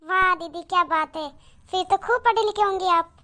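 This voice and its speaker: A woman voicing a modest young village daughter-in-law in a cartoon moral story, polite and gentle. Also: extremely high pitch, moderate pace. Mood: gently teasing.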